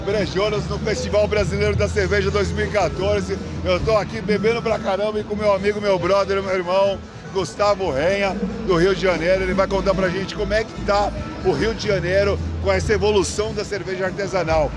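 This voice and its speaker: A man's voice: sits high, steady tone, brisk, hardly any pauses. A man in his thirties with a Brazilian accent, interviewing in a casual, slangy, buddy-like way. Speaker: interviewer, host. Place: large indoor festival hall beside stacked kegs. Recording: loud music and crowd noise behind.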